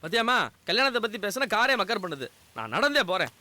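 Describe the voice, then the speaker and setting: A man's voice: sits high, big pitch swings, quick pace. An actor playing a stubborn, sarcastic young man who brushes off marriage and bosses his workers, on a noisy track. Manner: sarcastic, curt. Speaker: film hero, factory boss. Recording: noisy film soundtrack.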